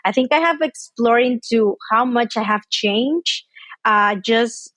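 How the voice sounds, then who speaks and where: A Mexican woman in her thirties, a native Spanish speaker, talks in English as a podcast guest in a casual interview. Her voice is a little high and fairly bright, she speaks slowly, and the recording is dry. She's chatty, laughing often and using lots of fillers.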